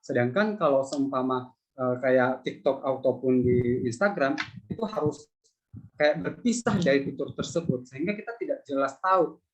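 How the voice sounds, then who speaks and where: A man's voice: medium pitch, normal speed, poor audio. A male lecturer answering student questions in a conversational public lecture, with many fillers and repeated phrases.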